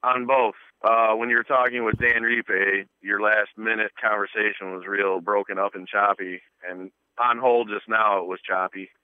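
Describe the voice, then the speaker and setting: A man's voice: fairly low pitch, level tone, moderate pace, few pauses, smooth, dry recording. A man calling in to a radio talk show from his phone while driving, his voice coming through a choppy, breaking-up connection. He speaks plainly and sounds uneasy. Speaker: radio call-in caller. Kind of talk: casual call-in chat. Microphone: cell phone in a moving car. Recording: tinny phone line.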